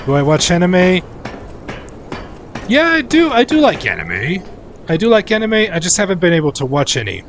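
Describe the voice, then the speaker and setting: A man's voice: sits high, moderate pace, pauses often, slight background noise. A man in his forties chatting casually and rambling, restarting sentences while he live-streams a game. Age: 40s. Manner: rambling, animated, restarts often.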